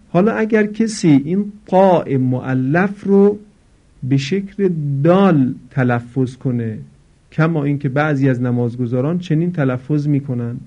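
Male religious teacher, instructional lecture, mellow dark tone, careful stressed examples, lo-fi sound. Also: medium pitch. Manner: explanatory, stresses example words with slow careful emphasis. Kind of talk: instructional talk on prayer recitation. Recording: slightly dull lo-fi recording.

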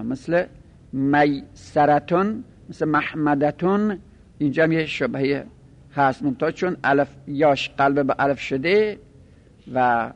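Man drawling vocabulary, then rapid asides. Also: fairly high pitch, highs cut off. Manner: drawls each listed word slowly, then explains in quick asides. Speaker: teacher of Arabic grammar. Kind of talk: grammar lesson, reciting word patterns.

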